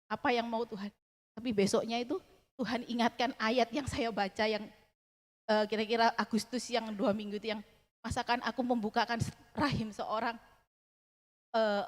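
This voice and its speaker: A young woman giving a personal testimony at church, earnest and halting, with many fillers and restarts. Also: on the high side, fairly even intonation. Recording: long reverb of a large hall.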